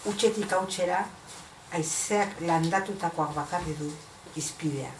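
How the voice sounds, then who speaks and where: At an informal bookshop event, a low-voiced woman poet presents and reads her own poetry at a measured pace. She hesitates, searches for words and corrects herself, heard from a distance in a noisy, echoing room.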